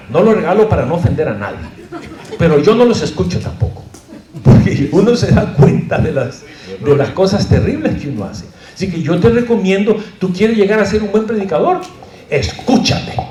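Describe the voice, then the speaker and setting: Un pastor que da una clase de predicación con humor, bromeando y haciendo preguntas al público. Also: male voice, sits high. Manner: lively, jokey, asks the audience questions. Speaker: pastor teaching a preaching class. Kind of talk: humorous lecture. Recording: roomy echo.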